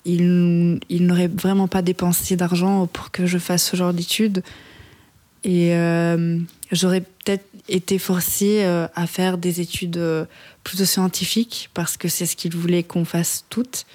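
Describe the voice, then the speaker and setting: Jeune femme hésitante, italien, posée. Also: female voice, on the low side, level tone, unhurried, a little mellow. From Italy. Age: 20s. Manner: hesitant, many fillers. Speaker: interviewee. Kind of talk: documentary interview.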